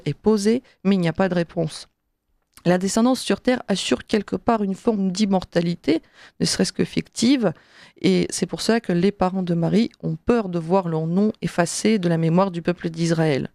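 Solemn gravelly woman reading scripture. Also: lowish voice, darkish tone, no room sound, studio quality. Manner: measured, solemn reading with slight slips. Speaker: reader and commentator. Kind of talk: reading a religious text, then commentary.

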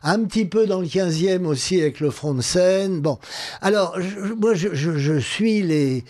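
A man's voice: high voice, expressive, moderate pace, darkish tone. A man from Paris with a Parisian French accent, talking bluntly and colloquially in an opinionated radio conversation. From Paris, France. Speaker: radio guest, writer and programme host.

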